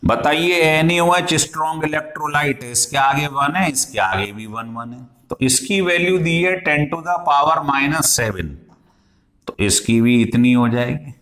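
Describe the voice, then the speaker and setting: A man's voice: fairly high pitch, a little slow, a bit bright. A male chemistry teacher lecturing in a classroom style, explaining step by step and asking his students questions as he goes. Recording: echoey room.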